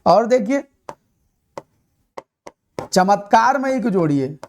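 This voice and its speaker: A male teacher with a fairly high voice explains grammar in an exam-prep lesson. He hammers points home by repeating key words and throwing rhetorical questions at his students. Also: expressive, slow pace. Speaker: Hindi teacher.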